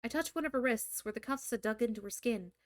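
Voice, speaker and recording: A young woman with a high voice who streams as a VTuber, narrating a visual novel and breaking into crude, joking remarks. She is recorded close on a dry mic with no room sound. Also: quick pace, no echo. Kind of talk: live-streamed visual novel reading with commentary.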